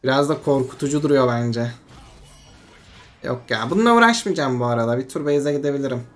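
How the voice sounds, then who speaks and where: Excitable gamer narrating own match. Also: mid-range voice, fast talker, soft background music. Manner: excitable, swings between frustration and hype, talks himself calm. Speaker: game streamer. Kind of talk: live gameplay commentary.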